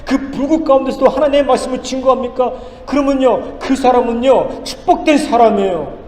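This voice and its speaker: A male pastor preaching a sermon, firing off rhetorical questions and swinging between loud and hushed lines. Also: very high-pitched, fairly quick. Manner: emphatic, rhetorical questions, dramatic swings in loudness. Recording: echoey church hall with faint ambience.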